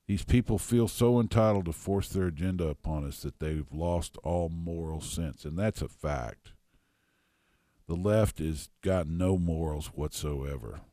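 A man's voice: sits low, a little slow, mellow, no room sound, clean studio sound. A man hosting a political talk radio show, reading commentary aloud in a combative, scornful way with asides and fillers. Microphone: radio studio microphone.

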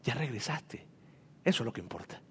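Un predicador haciendo de padre tierno que susurra. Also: male voice, medium pitch, very animated, slow pace, slightly rough, big-room sound, heavily acted. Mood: tender hush. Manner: hushed, tender, almost whispered. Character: forgiving father welcoming his lost son.

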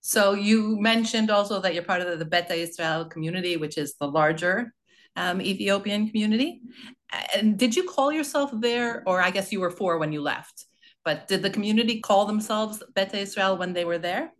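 A woman's voice: medium pitch, normal speed. A woman hosting a podcast, introducing her guest and asking questions with enthusiasm. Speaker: podcast host. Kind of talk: podcast interview.

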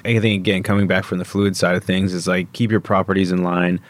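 A man's voice: sits low, flat delivery, quick pace, no echo. A man hosting a podcast in an informal, conversational style. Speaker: podcast host. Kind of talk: casual conversation.

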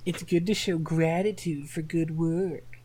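A woman reading a scripted hypnotic role-play in a slow, commanding, teasing way. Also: sits low, steady tone, warm tone, slightly rough, poor audio. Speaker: erotic audio creator.

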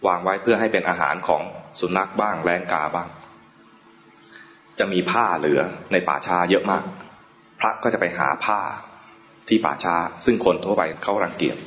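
A male Buddhist monk with a fairly low voice gives an informal Dhamma talk to laypeople. He tells stories in a chatty, unhurried way, pausing often between phrases. The recording is dull and lo-fi, with a roomy echo around his voice. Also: a bit bright. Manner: chatty storytelling, pauses often.

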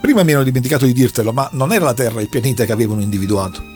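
A man's voice: medium pitch, rapid-fire, a little mellow, soft background music. A man recounting a long story in a casual chat, telling it with dramatic flair. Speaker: podcast host recounting an anime plot.

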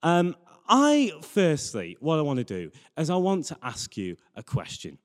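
The young British church preacher, a young adult, delivers his sermon and Bible reading earnestly and conversationally. His voice is slightly high, with huge pitch swings and an unhurried delivery. The sound carries a long hall reverb.

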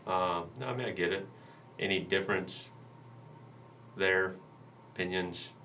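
A man with a very low but forceful voice hosts a casual radio panel. He prompts with short, informal questions and sounds slightly off the microphone. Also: steady tone, unhurried. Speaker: interview host. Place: room, radio show recording. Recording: distant mic with slight noise.

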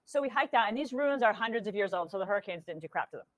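A woman medium telling stories in casual chat, animated and acting out voices with laughter. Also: medium pitch, racing, no echo, highs cut off. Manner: lively, animated, acts out quotes with laughter. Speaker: guest medium.

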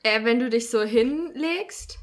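Young woman podcast co-host, fairly high voice, just chatting casually. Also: lively intonation, slow pace. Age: young adult.

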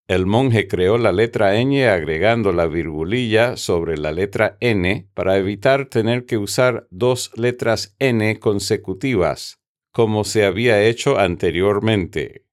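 A man with a fairly low voice hosts a radio segment and reads a prepared lesson. His delivery is methodical and instructive, and he lists his points in careful order. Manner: methodical, didactic, enumerating examples. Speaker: radio host.

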